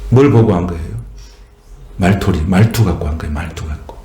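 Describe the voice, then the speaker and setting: A man with a Jeolla Korean accent preaching a sermon as a pastor, swelling higher and slower on key phrases. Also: mellow. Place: church sanctuary. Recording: echoey church room.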